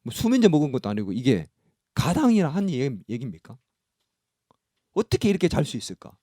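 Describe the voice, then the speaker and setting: A male pastor preaching a sermon in a church, talking in an animated, conversational way and often putting questions to the congregation. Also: a little high, a little fast, dry recording, studio quality. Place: church sanctuary.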